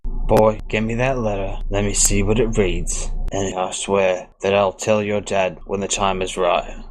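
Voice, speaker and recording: A man playing a gruff middle-aged huntsman who bluntly pressures a boy. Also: deep voice, flat delivery, unhurried, slight background noise. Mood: pushy, urgent. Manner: blunt, pushy, calls the boy "boy".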